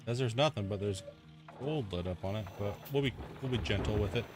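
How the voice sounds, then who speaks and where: With faint music behind him, a man with a fairly low, darkish voice talks a little fast while streaming a mining game. His casual commentary is relaxed and meandering, packed with "like" and "dude," and he mentions being itchy from sunburn.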